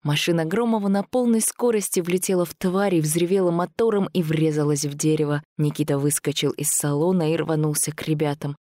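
A woman narrating an audiobook thriller in a steady, tense storytelling manner. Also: low-pitched, a little fast, hardly any pauses, dry recording, studio quality.

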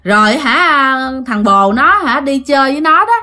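A woman's voice: lively intonation, normal speed, bright, forceful tone. A woman voicing a brash, mocking ghost that has possessed a girl, in a told ghost story. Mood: brazen. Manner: taunting, cocky, shrill laughing.

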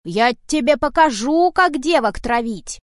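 A woman voicing a big ginger tomcat in an audiobook, gruff and rude, loud and bossy, barking orders and scolding. The voice sits a little high and sounds close and dry, with no room around it. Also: expressive, moderate pace, dry recording, close to an everyday voice. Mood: shouting. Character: old male house cat, gruff, rude protector. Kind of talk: audiobook character voice.

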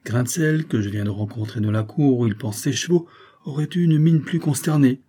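A man's voice: medium pitch, a little fast, warm tone, breathy edge, pitched above the performer's own voice, lightly acted. A man voicing a treacherous male valet who talks in a sly, reassuring way. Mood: rusé.

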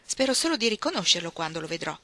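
A woman's voice: fairly low pitch, big pitch swings, fast, pushed and bright, exaggerated voice. Woman voicing a chatty old Southern lady. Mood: wistful. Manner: chatty, fond storytelling. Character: elderly chatty Southern woman, gentle and wistful.

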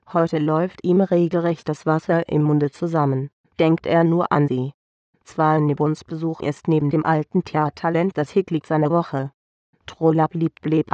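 A man's voice: on the high side, a little mellow, dry recording, dull audio. Playful male sci-fi storyteller. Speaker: audiobook narrator. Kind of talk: scripted sci-fi story narration.

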